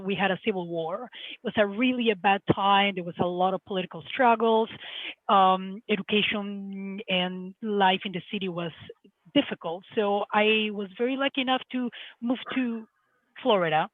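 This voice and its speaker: A middle-aged woman from Peru with a thick Peruvian Spanish accent, speaking as a lighting designer and telling her career story in an earnest, halting way. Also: medium pitch, dry recording. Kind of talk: panel talk on career journey. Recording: tinny phone-like audio, dry.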